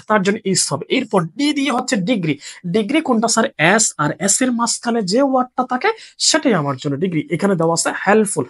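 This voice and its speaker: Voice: medium pitch, breathy edge. A teacher from Bangladesh, giving an exam-prep grammar lesson and constantly asking questions that he then answers himself.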